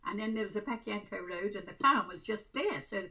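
A very old woman, over a hundred, recalling things in casual conversation and halting now and then to repeat or search for words. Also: medium pitch, bright, forceful tone. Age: over 100. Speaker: interviewee. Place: small room at home, indoors.

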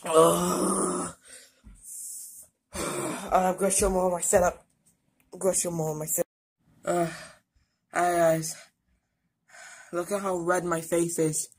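A woman vlogging casually while in burning pain from a hot pepper, stammering and halting with many fillers. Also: on the low side, level tone, a little mellow, breathy edge. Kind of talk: casual vlog.

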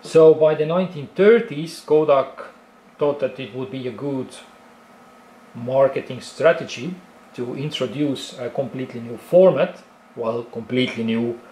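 In poor audio from a reverberant space with slight background noise, a man with an Estonian accent explains film cameras step by step for a casual tutorial. His medium-pitched, mellow voice moves a little slowly, and he often uses fillers and restarts. He presents as a film photography hobbyist.

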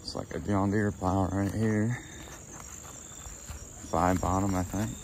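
A man's voice: deep voice, steady tone, slow pace, a little mellow, a little hiss or hum. A young man giving offhand, laid-back commentary as he walks an outdoor farm auction, filming on a phone. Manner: laid-back, offhand remarks while walking. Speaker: vlogger touring an auction. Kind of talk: casual walk-around commentary. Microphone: phone camera held while walking.

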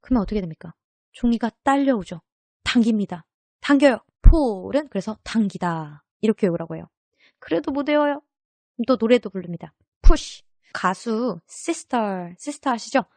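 A woman teaching English vocabulary on a podcast, lively and chatty, asking her students questions and then answering them herself, spelling words out letter by letter. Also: a little high, normal speed, no room sound.

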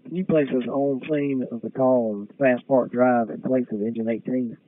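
A man's voice: mid-range voice, steady tone, normal speed, no echo. Man calling units over radio. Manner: clipped radio call signs and replies. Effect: two-way radio transmission. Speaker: fire engine crew officer. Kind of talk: terse fire radio traffic. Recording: tinny two-way radio with hiss.

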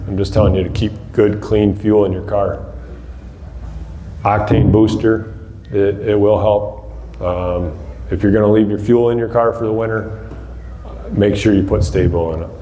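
Plainspoken workshop presenter, thirties, low mellow voice, recorded far off in a boomy hall. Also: male voice. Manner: plainspoken, practical, frequent ums and restarts. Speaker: demolition derby builder giving a seminar. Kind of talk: casual talk to a small audience. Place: large hall with rows of empty chairs, indoors. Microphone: far camera across the room. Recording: echoey hall, faint background hiss.

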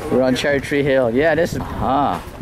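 A man's voice: medium pitch, moderate pace. A man filming his island tour, exclaiming at the sights in casual running commentary on a handheld camera mic outdoors. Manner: excited, exclaiming at the views. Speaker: travel vlogger filming a tour. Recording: loud outdoor noise, wind and traffic.

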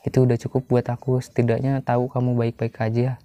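A man reading a gentle young ex-girlfriend's lines from a story game, in a plain, slightly raised voice. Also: medium pitch, monotone, fast talker, dry recording, close to an everyday voice. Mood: understanding. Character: young woman, gentle ex-girlfriend, soft-spoken. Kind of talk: reading game dialogue aloud.

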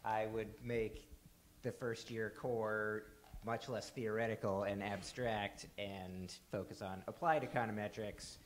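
Man, 30s, low voice, hesitant questioner, handheld mic, light background noise. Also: level tone, unhurried. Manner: hesitant, many fillers, trailing off. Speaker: audience member asking a question. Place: conference room.

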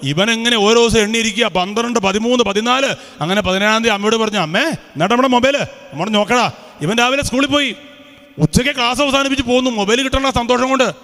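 High-voiced preacher man in echoing hall. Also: fast talker, bright, forceful tone. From Kerala. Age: 50s. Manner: quizzes the audience with repeated questions. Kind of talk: lively religious talk to schoolchildren. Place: large hall with student audience. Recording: reverberant hall.

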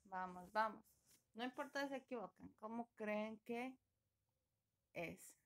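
A woman's voice: on the high side, a little slow. A woman teaching an online class, patiently prompting her students and coaxing them to answer. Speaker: English teacher.

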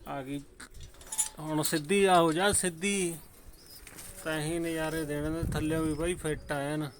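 A man's voice: fairly high pitch, steady tone, normal speed. A man with a Punjabi accent giving casual, informal running commentary as a pigeon-keeping vlogger, often addressing viewers as brothers. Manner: informal, calls viewers brother, banters with helpers. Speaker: pigeon keeper and vlog host. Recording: clear background noise, cooing pigeons. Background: pigeons cooing.

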